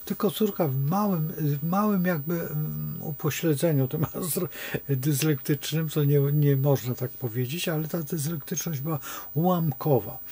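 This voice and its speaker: A man's voice: a little high, moderate pace, darkish tone, slightly rough. A man speaking as an astrologer in an unscripted monologue, rambling and digressive as he tells stories.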